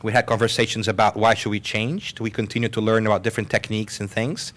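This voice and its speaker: A man's voice: fairly low pitch, quick pace. Jokey man hosting a live panel. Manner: jokey, lively, self-deprecating. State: slightly hoarse. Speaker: host. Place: symposium hall with audience.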